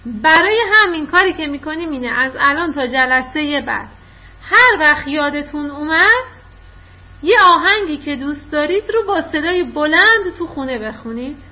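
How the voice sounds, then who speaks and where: High-voiced woman teacher, encouraging. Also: lively intonation. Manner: encouraging, quick to praise. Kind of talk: online class, coaching children to read aloud. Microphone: video call. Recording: dull lo-fi online call audio.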